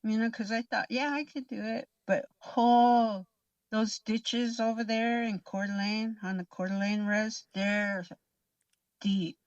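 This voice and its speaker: A woman's voice: mid-range voice, little pitch movement, slow, darkish tone, no room sound. A woman guest telling a laughing anecdote in an interview, acting out quoted lines. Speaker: guest actress. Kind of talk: storytelling interview. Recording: distant, dull lo-fi sound.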